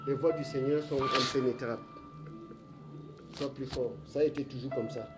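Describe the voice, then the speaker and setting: Actor as grave pious dad, low solemn comfort, loud score behind. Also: male voice, fairly even intonation, moderate pace, natural voice. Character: consoling father, grave and pious. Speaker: father. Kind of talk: melodramatic film acting. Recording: film audio under loud music.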